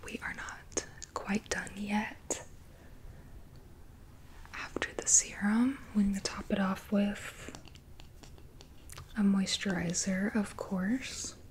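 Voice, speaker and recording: Woman, whispered role-play as spa attendant. Soft, breathy, unhurried and soothing. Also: medium pitch, steady tone, poor audio. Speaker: ASMR host playing a spa beautician.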